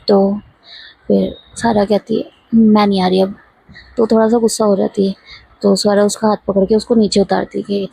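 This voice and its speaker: A woman casually narrating a story in a relaxed, chatty way, acting out the lines of the people in it. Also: mid-range voice, creaky, husky, no echo, poor audio. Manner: relaxed retelling with quoted dialogue.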